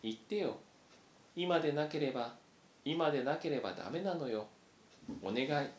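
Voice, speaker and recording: A man's voice: fairly high pitch, animated, normal speed, lightly acted. A man reading aloud, voicing a young female mouse who pleads earnestly, recorded in a roomy space. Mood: pleading. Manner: pleading, emotional. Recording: roomy echo.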